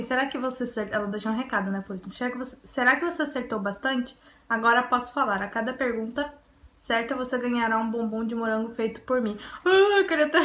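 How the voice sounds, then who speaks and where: Young Brazilian woman vlogger, bubbly and giggly, bright high-ish voice, casual home chat. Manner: giggly, bubbly, easily embarrassed. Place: home, indoors by a window.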